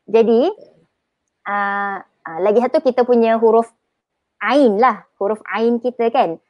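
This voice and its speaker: A woman with a Malaysian Malay accent teaching Arabic pronunciation in a live online lesson, chatty, drawing example words out slowly. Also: on the high side, no echo, muffled recording.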